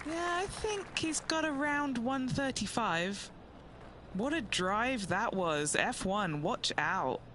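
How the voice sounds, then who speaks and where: A man's voice: extremely high pitch, expressive, slow, heavily acted. A man giving informal golf commentary as an on-course reporter. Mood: casual. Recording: noisy outdoor ambience behind.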